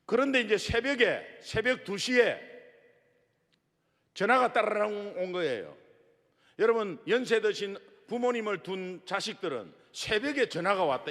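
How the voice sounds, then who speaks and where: Middle-aged gyeongsang pastor, high voice, lively funny storytelling sermon, big echoey sanctuary. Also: male voice. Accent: Gyeongsang Korean. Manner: animated storyteller, acts out dialogue with humor. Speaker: guest pastor. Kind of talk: revival sermon. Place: large church sanctuary. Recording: long reverb of a big sanctuary.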